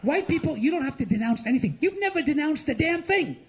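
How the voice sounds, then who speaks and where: A middle-aged man from India performing an animated stand-up set as host of a live comedy benefit show. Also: extremely high pitch, fast talker. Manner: animated, mocking, with lively acted-out asides.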